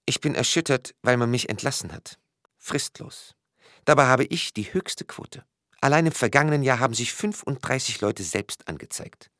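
A man's voice: medium pitch, lively intonation, moderate pace, fairly bright tone, no echo, studio quality, voice pushed up, lightly acted. A man voicing a stunned, self-pitying male tax official speaking in a plaintive tone, in a read-aloud crime story. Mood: dismayed.

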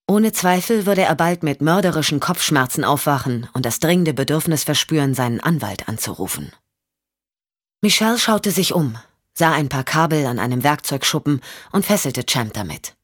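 A woman narrating a thriller audiobook in steady, measured storytelling. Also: sits low, no echo, clean studio sound.

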